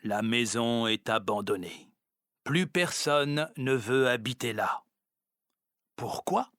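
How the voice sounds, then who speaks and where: A man narrating as a very old, proud and wry male house cat, reading slowly and clearly for beginners. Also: mid-range voice, a bit bright, no echo, clean studio sound. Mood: storytelling. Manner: deliberate and clearly spoken.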